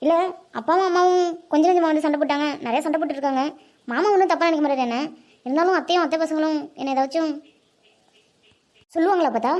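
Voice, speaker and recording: Bright-high, fast young niece, anxious and pleading voiced by a performer. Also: natural voice. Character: timid young village niece.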